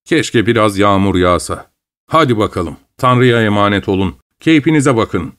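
A man voicing a jovial old father who speaks slowly in a warm, fatherly way. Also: on the low side, lively intonation. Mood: genial. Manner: slow, fatherly, puzzled.

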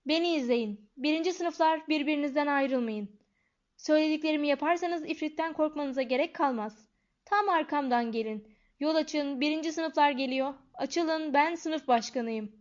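A self-important teenage prefect barks loud orders at the younger students, played by a woman reading aloud. The voice sits high and loud, heard through a muffled, lo-fi recording. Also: normal speed, lightly acted. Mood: commanding. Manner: loud, commanding. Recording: dull lo-fi recording.

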